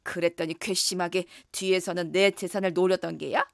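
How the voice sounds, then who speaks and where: Woman doing a low, commanding old matriarch for a voice drama, dry close sound. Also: level tone, brisk, gravelly, no echo. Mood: scornful. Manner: commanding, old-fashioned scolding. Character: stern older mother-in-law, imperious and suspicious.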